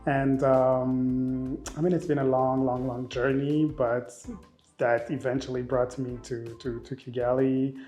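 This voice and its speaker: A man in his thirties from Rwanda who grew up in Belgium, a makeup artist speaking casually in an interview, expressive and often repeating words as he thinks. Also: medium pitch, unhurried, highs cut off, soft background music. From Rwanda, raised in Belgium.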